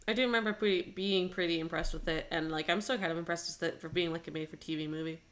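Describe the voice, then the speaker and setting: A young woman co-hosting a podcast, reviewing a movie in casual, animated chat and laughing often. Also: on the low side, fast talker, background noise. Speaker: podcast co-host.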